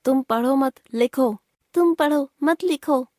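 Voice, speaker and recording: A woman putting on the voice of a young schoolchild who answers the teacher in a high, childlike way. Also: monotone, takes it slowly, creaky, dark tone, no room sound, clean studio sound, heavily acted.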